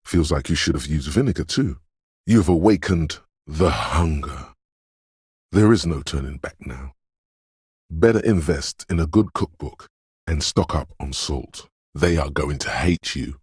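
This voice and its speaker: This is dramatic video game voice acting: a man plays a brooding, dreamlike inner voice of intuition, speaking slowly, hushed and portentous, with theatrical exaggeration. His very deep, husky tone is a gravelly rumble edged with whisper, and the mood is ominous and mysterious. It's recorded dry and studio-clean on a close microphone.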